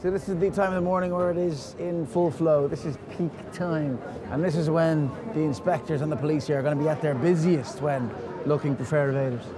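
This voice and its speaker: A man's voice: fairly high pitch, steady tone, fairly quick, a crowd in the background. A British man reporting on location in a chatty, colloquial way, talking to camera and putting questions to people. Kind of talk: informal piece to camera and street interviewing. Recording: clear outdoor and vehicle noise.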